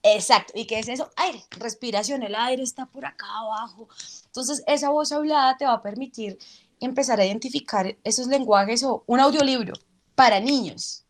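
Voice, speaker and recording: Answering interview questions, a woman who acts and teaches drama illustrates her ideas with vocal demonstrations, animated throughout. She speaks at a moderate pace in a voice on the high side.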